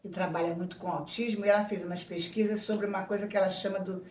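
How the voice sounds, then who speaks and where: In a mid-range, steady voice with a darkish tone, a woman psychoanalyst talks quickly while reflecting on ideas during an interview, adding frequent asides. The audio has a little hiss or hum, an echoey room sound, and a voice set a bit back from the microphone.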